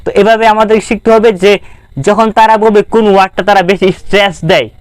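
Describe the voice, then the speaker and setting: A man's voice: high voice, fairly even intonation, brisk, clear, resonant tone, no echo. A young man with a Bangladeshi Bengali accent giving an informal spoken-English lesson, earnestly repeating and restarting his phrases as he encourages viewers. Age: young adult. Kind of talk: informal lesson talk to camera.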